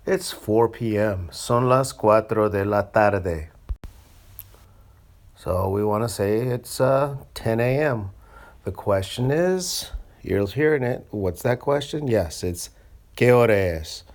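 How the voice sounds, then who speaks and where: A man with a lowish voice gives a casual screencast lesson. He talks conversationally and slows right down to drill short phrases. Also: animated, darkish tone. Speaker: Spanish teacher. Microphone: screencast voice recording.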